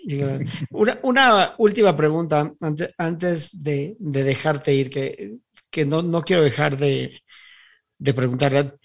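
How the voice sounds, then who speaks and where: A male podcast host from Mexico with a fairly high voice. He asks long, searching questions that circle around before landing. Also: measured pace. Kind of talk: interview questions.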